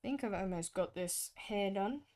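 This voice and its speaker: In a mid-range, slightly mellow voice, a young Australian woman with an Australian accent chats away while she draws on stream. She sounds animated at a measured pace, rambling on with many fillers.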